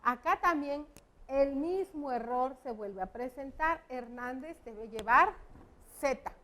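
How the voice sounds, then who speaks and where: A woman teaches young pupils. Her voice sits high and she talks at a slow, deliberate pace. She explains each point patiently and clearly. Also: expressive, pushed and bright, slight background noise. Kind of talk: classroom lesson for children.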